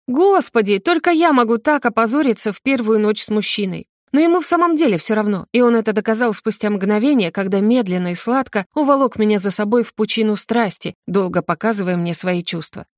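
A woman's voice: medium pitch, a little fast, few pauses, no room sound, studio quality. A woman narrating a first-person story in an intimate, confessional reading voice. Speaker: audiobook narrator.

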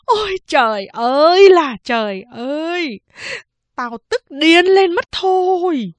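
A woman voicing a domineering old peasant mother-in-law who scolds and shouts at the family in a spoken story. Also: high voice, animated, measured pace, no room sound, pitched above the performer's own voice. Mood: wailing.

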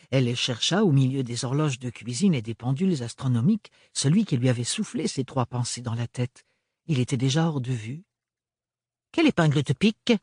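A man narrating a novel in a measured, even reading voice. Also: medium pitch, husky, no room sound, studio quality. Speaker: audiobook narrator. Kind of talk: scripted narration.

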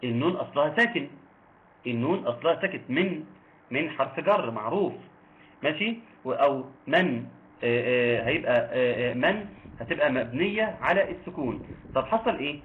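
A man with an Egyptian accent teaching Quran recitation, quizzing listeners and slowly chanting verses. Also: on the high side, expressive. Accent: Egyptian Arabic. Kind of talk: online tajweed lesson. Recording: tinny phone-like line with faint noise.

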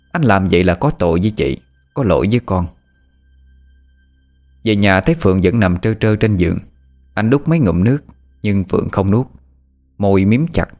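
A man narrating a horror story in a steady, dramatic storytelling manner. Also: lowish voice.

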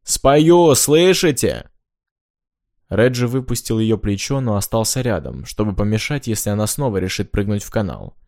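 Низкий мужской голос, чтение аудиокниги. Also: male voice, lowish voice, animated, a little fast, few pauses, darkish tone, no room sound, studio quality. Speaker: audiobook narrator. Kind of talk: audiobook narration.

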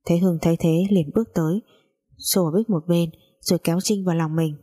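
A woman narrating a story in a brisk, even way. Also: on the low side, husky.

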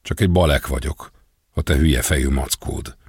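A man's voice: a bass voice, gravelly, husky, no room sound, studio quality, pitched below the performer's own voice, heavily acted. A man doing a breezy, boastful jailed man. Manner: breezy, self-satisfied.

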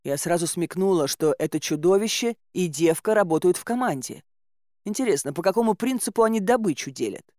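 Lively, wry woman narrating a story. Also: fairly low pitch, fairly quick, no echo, studio quality. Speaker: audiobook narrator. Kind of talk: expressive audiobook narration.

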